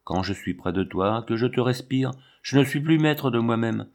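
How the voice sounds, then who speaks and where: A man's voice: medium pitch, animated, moderate pace, natural voice. A man reading an audiobook, playing a passionate, brutal young lion tamer who speaks urgently and pleads. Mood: heated.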